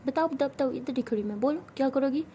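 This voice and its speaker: Casting: woman reading as a sharp-tongued college girl, high pitch, soft mellow tone, mocking and taunting. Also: fast talker, slight background noise, natural voice.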